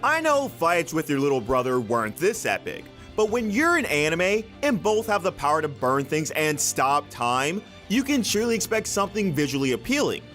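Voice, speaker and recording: Man narrating a countdown, lively pitch swings. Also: moderate pace, hardly any pauses, faint music behind. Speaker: narrator of an anime countdown video.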